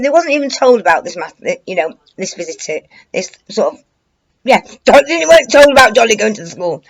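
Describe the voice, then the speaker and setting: A woman's voice: medium pitch, low-quality recording. Rambling British woman giving commentary. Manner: rambling, hesitant, colloquial. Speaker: online commentator. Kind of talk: informal news commentary to camera.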